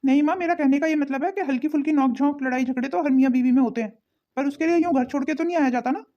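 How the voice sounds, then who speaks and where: A woman playing a calm cartoon son, high mellow voice, quick reasoning talk, dull lo-fi audio. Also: natural voice. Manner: gentle, reasoning. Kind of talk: cartoon voice acting.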